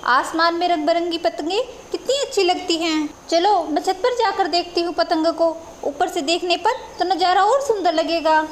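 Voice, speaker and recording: A woman's voice: very high-pitched, moderate pace, few pauses, slight background noise. A woman voicing a curious, playful little village girl who chatters with wonder in a storybook tale. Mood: excited. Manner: excited, wondering.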